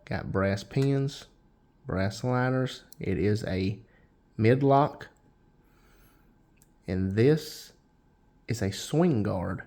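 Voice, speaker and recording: A man hosting a casual show-and-tell vlog, folksy and unhurried, with frequent restarts. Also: on the low side, animated, a little mellow. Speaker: knife channel host.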